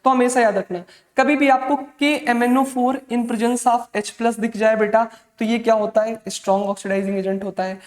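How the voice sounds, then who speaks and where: A man's voice: very high-pitched, steady tone, moderate pace. A man teaching chemistry in an online exam-prep lecture, fatherly and motivating, drilling key points over and over. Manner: fatherly, motivating, calls students "beta". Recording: echoey room with long reverb.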